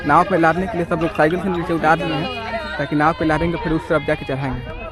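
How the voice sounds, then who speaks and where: A man's voice: a little high, steady tone, quick pace, music in the background, a crowd in the background. A young man casually narrating an outdoor vlog, chatty and teasing, filming on a handheld phone. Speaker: vlogger. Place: outdoors at a riverbank village site.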